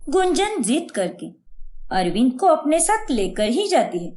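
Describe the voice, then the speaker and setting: A woman's voice: sits high, big pitch swings, a little slow, darkish tone. A woman narrating a cartoon story in a scripted storytelling way.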